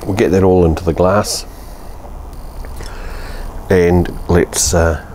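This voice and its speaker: Slow, low and darkish, with fairly even intonation and a faint hiss or hum, this voice belongs to a New Zealand man in his fifties. He's at his outdoor home bar reviewing a beer in a relaxed, blunt, rambling way, complete with fillers and mild swearing.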